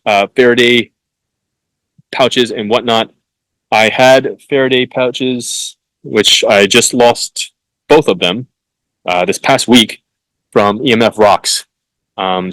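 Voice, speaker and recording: A man's voice: lowish voice, a bit bright, dry recording, rough recording. Blunt, hectoring male podcast host. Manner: blunt, hectoring asides with swearing; reads text haltingly with fillers and restarts. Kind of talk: solo podcast, reading and commenting.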